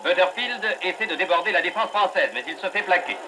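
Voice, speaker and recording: A man giving brisk, emphatic old newsreel commentary on an old film soundtrack. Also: sits high, heavy background noise. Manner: brisk, emphatic announcer delivery.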